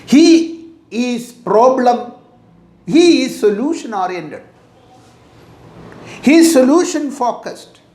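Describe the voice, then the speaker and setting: Slow, deliberate, and repetitive about his key points, a middle-aged motivational teacher with an Indian English accent speaks in a very high, lively voice. He's giving a motivational talk, and the audio echoes as though he's in a bare room.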